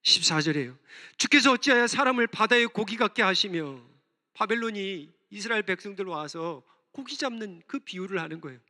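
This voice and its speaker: Pastor, male, high bright voice preaching with passion in a church hall with long reverb. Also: animated, fairly quick. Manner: impassioned, voicing prayers aloud, rising and falling sharply. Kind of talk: sermon. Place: church sanctuary.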